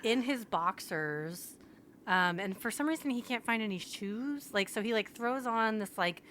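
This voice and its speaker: A woman's voice: on the high side, animated, a little slow, fairly bright tone, a little hiss or hum. A young woman co-hosting a podcast, animatedly retelling a book plot in casual chat, sprinkling in "like" constantly. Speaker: podcast co-host.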